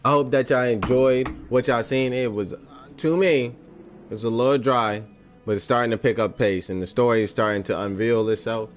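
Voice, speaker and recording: A man's voice: medium pitch, steady tone, normal speed, soft background music. Casual male gamer reacting with jokes. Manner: loose, joking reactions. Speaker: gaming channel host. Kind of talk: casual let's-play commentary.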